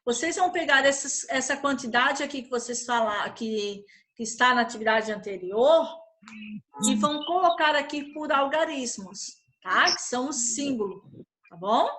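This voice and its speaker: A Brazilian woman teaching young children in an online class, her voice high and clear. She explains a worksheet patiently, with lots of diminutives and frequent checks for understanding. The tone is bright and lively. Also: moderate pace. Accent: Brazilian Portuguese.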